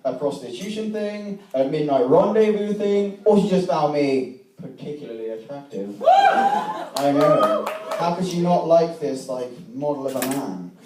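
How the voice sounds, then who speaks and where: A man's voice: high voice, slight background noise. Wry young man on a far mic. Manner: self-mocking, wry, animated storyteller. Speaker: stand-up comedian. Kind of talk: stand-up storytelling. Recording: echoey room, voice from far off the mic.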